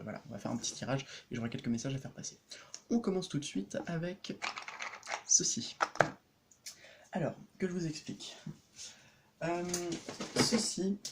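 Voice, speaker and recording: A man of average pitch explains his homemade rune deck in a relaxed vlog. He hesitates often, restarts his sentences and fills pauses with little chuckles. He talks as an energy practitioner sharing with his viewers. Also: noisy background.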